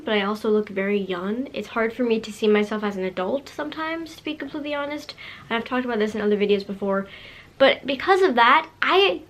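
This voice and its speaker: A woman in her late twenties vlogs casually to camera, bubbly and sassy, her speech full of fillers and restarts. Her voice is fairly high and fairly bright.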